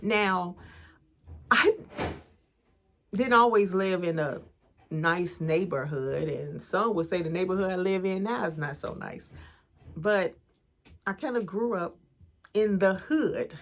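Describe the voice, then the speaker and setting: A woman's voice: fairly low pitch, takes it slowly, pauses often, fairly bright tone, a little hiss or hum. An American woman, an empowerment coach and channel host, giving an earnest, conversational inspirational talk about faith straight to camera. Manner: earnest, conversational, preacher-like encouragement.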